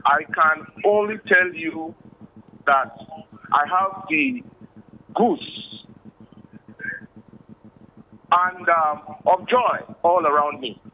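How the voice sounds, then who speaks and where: Speaking with a Nigerian accent, this traditional chief has a fairly high pitch and lively intonation, with slight background noise. He explains history formally and in a measured way during a remote interview, heard through a poor, tinny, phone-like line.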